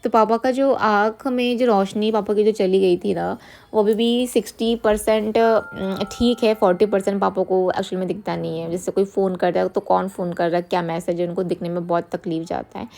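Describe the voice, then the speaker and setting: A woman's voice: medium pitch, steady tone, normal speed, vocal fry. A woman, a single mother chatting casually in a vlog and venting about critics. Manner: chatty, venting, switches to soft talk with her child.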